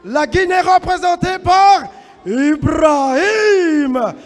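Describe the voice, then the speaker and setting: High-pitched shouting male boxing ring announcer. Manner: shouted, drawn-out, declamatory delivery. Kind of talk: boxing ring announcer introductions, loudly drawn-out names.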